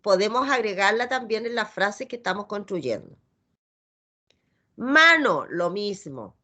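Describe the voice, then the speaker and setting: A woman's voice: mid-range voice, animated, normal speed, fairly bright tone. A middle-aged woman with a Chilean accent teaching a reading lesson, patiently sounding out letters and syllables. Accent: Chilean Spanish.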